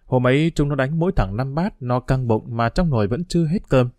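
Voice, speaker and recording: A man reading a story aloud at a mid pitch, steady and measured. The sound is dry and close, with no room echo. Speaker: narrator. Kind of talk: storybook narration.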